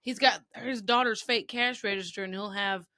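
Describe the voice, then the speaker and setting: A woman co-hosting a podcast, retelling funny clips in a lively casual chat and putting on voices for the people in them. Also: medium pitch, moderate pace, no room sound, studio quality. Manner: animated, does voices when retelling stories. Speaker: podcast co-host.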